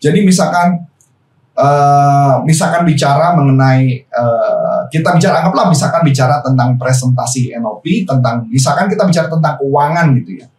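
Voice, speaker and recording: A man with a fairly high voice explains business calling in a loose, chatty coaching style. He sounds set back from the mic in a roomy, echoing space. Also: moderate pace. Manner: relaxed, explanatory, mixes slang and English phrases. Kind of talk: casual coaching talk. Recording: echoey room from far off.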